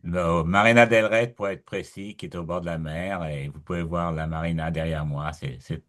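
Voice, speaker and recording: A man's voice: sits low, fairly even intonation, moderate pace, fairly bright tone. A man introducing himself as a volunteer adviser, chatting casually on a video call.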